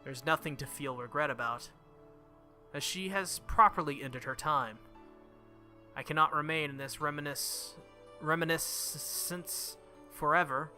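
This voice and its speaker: A man hosts a let's play of a visual novel, reading the story aloud dramatically with casual reactions and the occasional stumble over words. His voice is a little high and measured in pace. Loud game music plays behind him.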